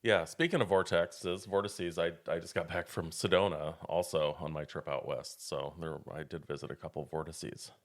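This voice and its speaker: Low male co-host, relaxed banter, playful and quick to laugh. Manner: jokey, laughs often, puts on silly voices. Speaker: podcast co-host. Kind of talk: casual chat.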